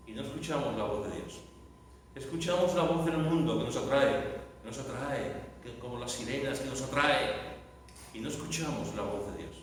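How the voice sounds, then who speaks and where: A male pastor preaches in a big echoing church hall, caught by a mic set well away him. He repeats his lines and bursts into loud cries for emphasis. Faint room noise hangs behind the long reverb. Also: mid-range voice. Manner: dramatic, repeating phrases, shouting for emphasis. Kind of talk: sermon. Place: large echoey church hall. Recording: echoey hall recorded from far off.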